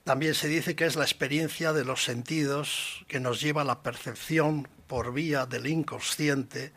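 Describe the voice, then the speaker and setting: Locutor de radio español de voz algo aguda, narrador pausado, sonido seco de estudio. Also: male voice, a little high, fairly even intonation, a bit bright, no echo. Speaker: radio section presenter on the paranormal. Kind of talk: radio storytelling.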